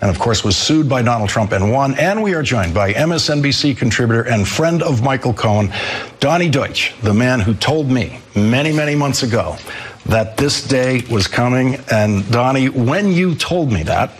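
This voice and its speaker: A man in his sixties hosting a news program, delivering a measured, emphatic commentary monologue. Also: medium pitch, animated, a little hiss or hum. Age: 60s. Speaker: news host.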